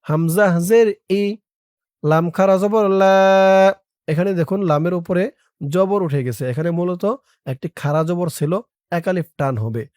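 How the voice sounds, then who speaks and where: A Quran teacher giving an online recitation lesson, spelling each word syllable by syllable, reciting slowly and drawn out, with quicker asides that explain the pronunciation rules. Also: mid-range voice, darkish tone, no room sound, clean studio sound.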